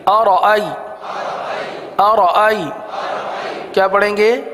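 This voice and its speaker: A male teacher leading a beginner reading lesson, chanting syllables slowly in a sing-song way and explaining rules briskly between the drills. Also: sits high, flat delivery, big-room sound, crowd noise.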